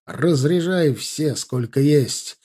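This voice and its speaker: Young officer urging his men on, read by a man; husky, mellow. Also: a little high, slow. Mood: urgent. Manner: urgent shouting. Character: young male officer leading his platoon.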